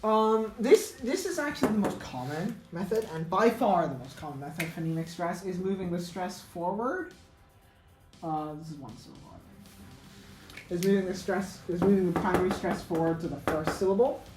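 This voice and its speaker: A woman's voice: on the low side, lively intonation, moderate pace, echoey room, music in the background, low-quality recording. A woman teaching English pronunciation in a casual lesson, thinking aloud with many fillers and self-corrections.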